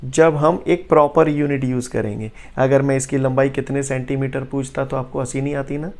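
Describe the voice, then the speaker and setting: Gravelly, jokey physics teacher man. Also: normal speed. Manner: jokey, keeps asking "clear?" and "bolo bhaiya"; swings from low explaining to loud excited teasing. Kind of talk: classroom lecture.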